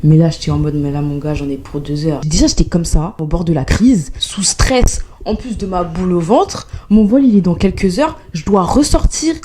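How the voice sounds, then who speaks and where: A young woman from France telling a travel story as a vlog, replaying her own panic in a high voice. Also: moderate pace, hardly any pauses, dark tone, slight background noise. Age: young adult. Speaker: vlogger.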